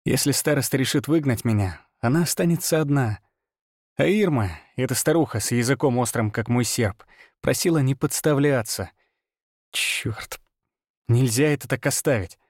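A man narrating a fantasy audiobook in the first person, steady and measured. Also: medium pitch, no room sound, studio quality.

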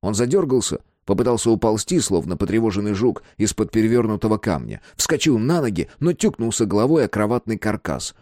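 A man with a lowish, deep-set voice reads a story aloud, his pitch rising and falling with life. The sound is dry and close, with no room in it, and the telling is expressive. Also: a little fast, few pauses, no echo. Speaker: audiobook narrator. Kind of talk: scripted narration.

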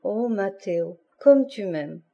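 A woman's voice: a little high, animated, moderate pace, warm tone, highs cut off, close to an everyday voice. A woman reading an audiobook, voicing a fiery and capricious young woman who swings from defiance to pleading.

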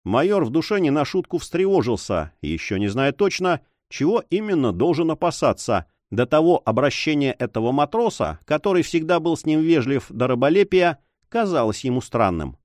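Brief: male narrator, dramatic and expressive, close dry studio read. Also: a little high, normal speed, hardly any pauses, no room sound. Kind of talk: audiobook narration.

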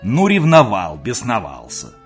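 A man's voice: on the low side, wildly swooping pitch, a little slow, breathy edge, soft background music, exaggerated voice. A man reading aloud, voicing a sardonic middle-aged uncle who mocks and grumbles. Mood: mocking. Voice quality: mocking, grumbling.

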